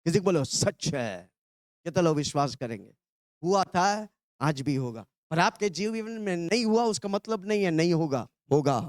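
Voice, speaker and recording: High-voiced preacher from India, call and response. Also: male voice, lively intonation, normal speed, no echo, clean studio sound. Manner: urges the congregation to repeat phrases, shouting hallelujahs.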